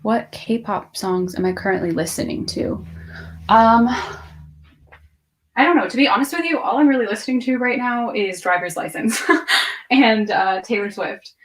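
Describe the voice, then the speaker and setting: A woman in her twenties speaks a little slowly in a fairly high, expressive voice while casually livestreaming from a bookshelf-lined room at home. She wanders from thought to thought, half-distracted, answering viewers' questions as she goes.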